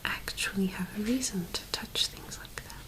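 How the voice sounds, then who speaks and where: A woman speaking in a soft, hushed whisper, gently presenting an ASMR tapping video. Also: medium pitch, normal speed, poor audio.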